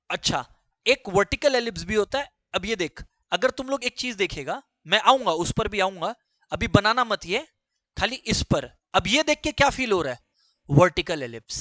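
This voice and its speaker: A man leads a maths class in a high, bright voice that rises and falls constantly. He repeats key phrases and keeps asking students questions. The sound is close and dry. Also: no room sound. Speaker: maths teacher.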